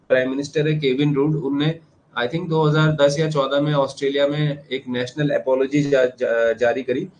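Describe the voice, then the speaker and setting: Male exam lecturer, medium pitch, reading questions slowly. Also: a little hiss or hum, low-quality recording. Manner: explains in Hindi, reads questions slowly in English. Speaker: teacher.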